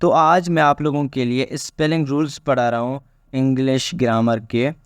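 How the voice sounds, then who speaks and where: A man teaching English spelling rules. He reads each rule slowly and then explains it in a casual way, repeating himself as he goes. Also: mid-range voice, steady tone, smooth, no room sound, clean studio sound. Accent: Pakistani. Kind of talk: spelling lesson explained step by step.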